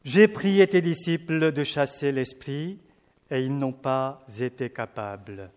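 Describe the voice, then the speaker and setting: A man's voice: medium pitch, takes it slowly, a little mellow, lightly acted. A man reading as a desperate father pleading.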